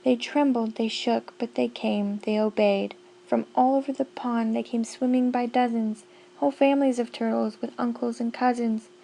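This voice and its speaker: A woman narrates a children's storybook aloud, bouncing along with the rhyme in a sing-song rhythm. Her voice sits a little high, with a gravelly edge to it. She keeps a steady, storytelling cadence. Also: moderate pace, rough recording. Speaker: audiobook reader.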